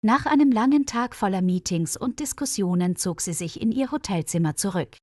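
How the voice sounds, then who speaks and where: Reading a scripted story aimed at German learners, this narrator has a medium-pitched, slightly mellow voice with lively intonation at a moderate pace. It is studio-quality audio with no echo.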